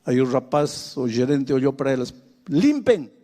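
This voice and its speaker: A man's voice: mid-range voice, level tone, brisk, warm tone. An older man with Spanish as his first language, preaching an impassioned sermon and telling a story with dramatic voiced quotes.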